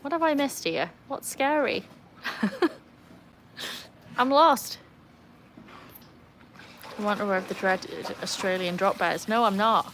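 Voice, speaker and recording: Poolside and outdoors, a young Welsh livestream host chats casually, laughs readily and reads viewers' comments aloud in a mixed Welsh and English accent. She speaks slowly with long pauses in a medium-pitched, slightly bright voice, and slight background noise can be heard.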